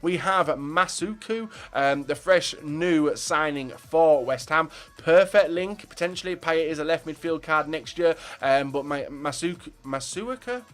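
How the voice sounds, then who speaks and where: Chatty young football vlogger. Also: male voice, fairly high pitch, unhurried, few pauses, a bit bright. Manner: chatty, opinionated, frequent fillers. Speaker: football transfer news vlogger. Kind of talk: casual commentary to viewers.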